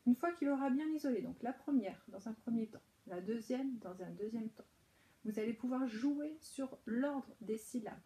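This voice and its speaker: Patient French teacher, mellow voice. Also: female voice, a little high, lively intonation, moderate pace, poor audio. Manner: patient, step-by-step explaining with many hesitations. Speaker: preschool teacher. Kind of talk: instructional talk to parents.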